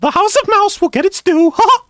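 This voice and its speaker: A man voicing a squeaky cartoon mouse parodied as a greedy corporate boss, with a shrill falsetto and cackling laughs. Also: fairly quick, sharp tone, no room sound, studio quality. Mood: gleeful menacing. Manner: gleeful, mocking, menacing.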